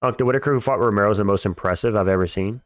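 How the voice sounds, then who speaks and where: Lowish-voiced frat-bro streamer guy. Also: rapid-fire, smooth, dry recording. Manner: frat-bro talk, slangy, peppered with bro and dude. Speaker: livestream host. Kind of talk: casual livestream chat, reading out and answering viewer comments.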